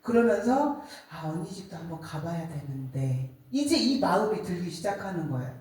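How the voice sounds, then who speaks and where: A middle-aged woman giving a church testimony, telling a family story in an animated way. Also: medium pitch. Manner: animated storytelling, acts out quoted voices. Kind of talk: sermon testimony. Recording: echoey room, distant mic.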